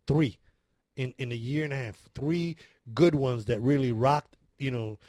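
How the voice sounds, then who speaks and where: A man's voice: mid-range voice, unhurried, dark tone, dry recording, clean studio sound. A man telling a story in a casual chat, laughing, swearing and acting out his own panicked screams.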